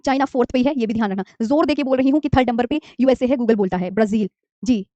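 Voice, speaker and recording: A high-pitched woman in her thirties teaches a geography class and calls her students dear children. She coaxes and repeats every key term, often slipping English words into her talk. The recording is dry, dull and lo-fi. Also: fast talker, dark tone, no room sound. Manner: coaxing, repeats key terms and asks students to say them along. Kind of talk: online geography lesson. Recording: dry, slightly dull lo-fi mic.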